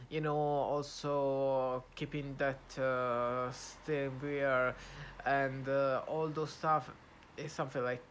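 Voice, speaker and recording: A young Italian vlogger talks to camera in English, his second language, practising it casually. He has an Italian accent and a slightly high voice, and he pauses often with fillers and restarts while searching for words.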